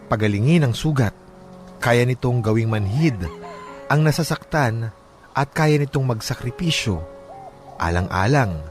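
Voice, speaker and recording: Over background music, a Filipino radio host alternates between dramatically reading listeners' love letters and bantering with casual, blunt, joking advice, slipping in some English. He has a medium-pitched, animated voice, a measured pace and frequent pauses.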